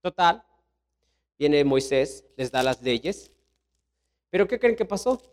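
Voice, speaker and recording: A middle-aged man with a Mexican accent, preaching a sermon as pastor, telling lively stories and tossing rhetorical questions at the congregation. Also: slow pace. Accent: Mexican Spanish. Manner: animated storytelling preacher, sweeping pitch swings, rhetorical questions.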